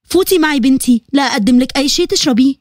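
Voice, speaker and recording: A woman's voice: high voice, rapid-fire, darkish tone, no room sound, studio quality, lightly acted. A woman voicing a sweet, friendly middle-aged woman with a Levantine Arabic accent, talking in a coaxing, motherly way.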